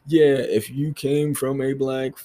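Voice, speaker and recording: Husky, blunt man ranting on a podcast. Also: lowish voice, measured pace, darkish tone. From United States. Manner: profane, blunt, ranting with laughs. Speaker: podcast host. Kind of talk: solo podcast rant.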